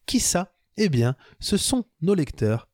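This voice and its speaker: Playful French podcast host, dry sound. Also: male voice, high voice, sing-song, slow, darkish tone, dry recording. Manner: playful, reads listener mail with mock English accent. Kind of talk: casual comedic podcast banter.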